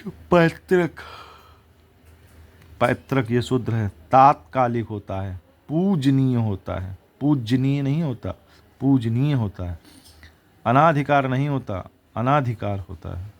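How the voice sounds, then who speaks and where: A man's voice: medium pitch, animated, takes it slowly. A man teaching exam vocabulary, reciting words and their opposites one after another and correcting himself as he goes.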